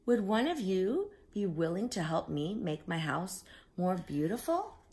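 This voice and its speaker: Here is a storybook hermit crab, played by a woman, earnest, polite and full of wonder. The pitch swings widely, the pace is slow and unhurried, and there is some creak in the voice. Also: big pitch swings, a little mellow. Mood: admiring, polite. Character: earnest, gentle hermit crab seeking a new home. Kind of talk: children's storybook character.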